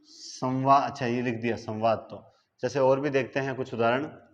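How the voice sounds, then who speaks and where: A man's voice: medium pitch, steady tone, moderate pace, dull audio. A man teaching a live online grammar class. He stretches words out syllable by syllable and keeps asking the class whether they follow. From India. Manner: stretches out words syllable by syllable while explaining at a board; asks the class rhetorical questions to check understanding.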